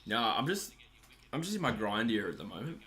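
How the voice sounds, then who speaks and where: Australian male streamer, 20s, chatty self-deprecating host, bright tone. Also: on the low side, very animated, brisk, slight background noise. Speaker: livestream host reading chat. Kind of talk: casual live chat over a cricket match.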